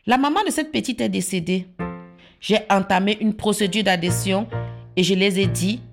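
A woman, calmly telling her life story in short, plain sentences. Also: medium pitch, moderate pace, creaky. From Cameroon. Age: 40s. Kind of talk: personal testimony. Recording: soft guitar music underneath. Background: plucked guitar music.

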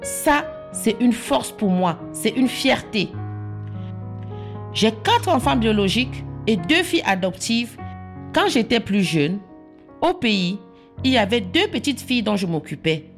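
A woman, calmly telling her life story in short, plain sentences. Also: a little high, a little slow. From Cameroon. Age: 40s. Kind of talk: personal testimony. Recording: soft guitar music underneath. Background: plucked guitar music.

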